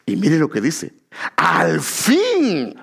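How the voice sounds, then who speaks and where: A Guatemalan man preaching with a Guatemalan Spanish accent. His somewhat high voice swings up and down, and he keeps turning to his listeners as brothers. He often stops to correct himself mid-thought. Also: extremely slow, gravelly, breathy edge. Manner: animated, addresses listeners as brother, self-correcting. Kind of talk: sermon.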